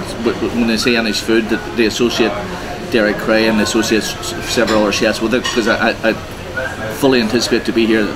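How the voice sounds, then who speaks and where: A man from Donegal, a development chef, talking in a halting way with many restarts in an interview. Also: on the low side, background noise. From Donegal, Ireland. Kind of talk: casual interview. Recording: crowd chatter behind.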